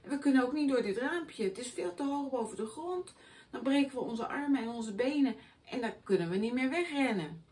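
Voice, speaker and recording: Woman doing a whiny, slow-witted jailbird man. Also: sits high, expressive, a little mellow, distant mic. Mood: fretful. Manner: whiny and indignant. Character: dim, self-pitying man, a former candy packer.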